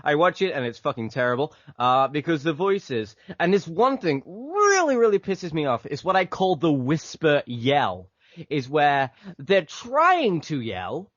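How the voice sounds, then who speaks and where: A man's voice: fairly high pitch, sing-song, moderate pace, few pauses, a bit bright, no echo. A man who makes a fan abridged series, talking casually in an interview, rambling with lots of fillers. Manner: rambling, filler-heavy, laughs often. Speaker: abridged series creator and voice actor. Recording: dull lo-fi voice chat audio.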